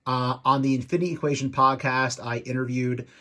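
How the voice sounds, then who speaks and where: A man in an annoyed, rambling rant to camera, speaking off the cuff, halting and repeating himself as he vents. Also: mid-range voice, steady tone, sharp tone. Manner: annoyed, ticked-off venting. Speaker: YouTube toy collector and podcast co-host.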